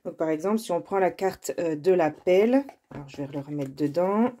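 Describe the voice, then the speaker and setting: A slightly hoarse woman presenting her oracle card decks, reading card names and texts aloud in a soft, unhurried way. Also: fairly low pitch. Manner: slow and soft-spoken, reads card titles aloud. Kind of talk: casual show-and-tell with card readings.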